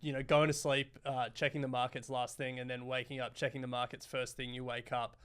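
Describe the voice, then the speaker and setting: A man's voice: mid-range voice, little pitch movement, a little fast, fairly bright tone, clear, resonant tone. An Australian man co-hosting a podcast, talking in a loose, chatty way with plenty of fillers. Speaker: podcast co-host. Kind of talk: casual podcast chat.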